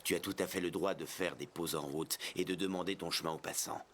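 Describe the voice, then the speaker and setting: Deep-voiced, gruff swordsman mentor. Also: fairly even intonation, a little fast, fairly bright tone, a little hiss or hum. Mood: commanding. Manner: blunt, commanding, grumbling. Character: gruff, stern adult male swordsman mentor. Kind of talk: anime dub acting.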